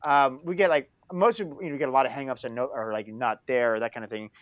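A man's voice: medium pitch, quick pace, no room sound, highs cut off. A man co-hosting a casual panel chat, talking in a heated, profane way and laughing often. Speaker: podcast co-host.

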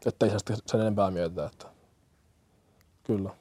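A man's voice: lowish voice, steady tone, mellow, husky, no echo. A young man, a firefighter-paramedic from Kenya, answering interview questions earnestly with many fillers and restarts.

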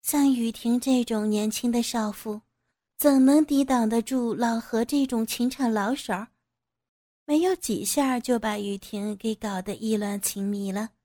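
A woman reading an audio story aloud with steady, even storytelling narration. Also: fairly high pitch, measured pace.

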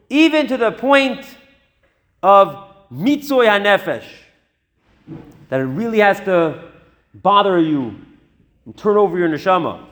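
A man voicing an elderly grieving rabbi, speaking in impassioned, drawn-out emphatic phrases. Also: high-pitched, fairly bright tone, exaggerated voice.

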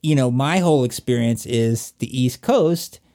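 A man's voice: mid-range voice, unhurried, mellow. A man from Southwest Virginia with a Southern accent, chatting casually and jokingly, rambling with many fillers. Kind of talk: casual chat.

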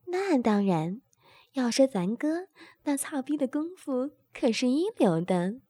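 A woman voicing an eager young woman who exclaims loudly in an adult audio story. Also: high voice, big pitch swings, measured pace, no echo, studio quality, pitched above the performer's own voice, exaggerated voice. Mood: delighted.

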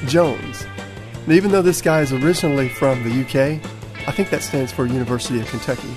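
A man's voice: medium pitch, quick pace, music in the background. A man with a Southern accent from Tennessee, hosting a sales podcast and interviewing a guest. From Tennessee, USA. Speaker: podcast host.

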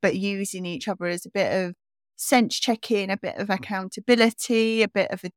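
A woman co-hosting a podcast in casual, self-mocking chat, with a croaky morning voice. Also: medium pitch, fairly even intonation, no room sound, studio quality. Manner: chatty, self-mocking, quick restarts. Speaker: podcast co-host.

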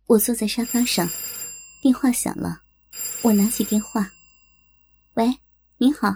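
A woman narrating a first-person audio story in a slow, teasing voice. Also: a little high, a little mellow, a little hiss or hum.

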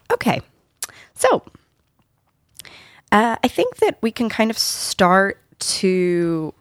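A woman in her twenties hosts a podcast with a slightly low voice. She talks in a friendly, conversational way and drops in the odd filler word as she moderates. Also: no room sound, clean studio sound. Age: 20s.

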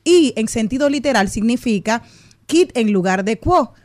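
A woman co-hosts a talk show and explains a phrase patiently. Her voice is a little high and she talks in a chatty way. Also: expressive, normal speed, darkish tone. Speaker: co-host giving language segment.

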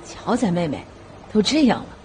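A woman's voice: mid-range voice, big pitch swings, moderate pace, a little mellow, a little hiss or hum, natural voice. A woman voicing a brash, cocky young man, the cheeky second brother.

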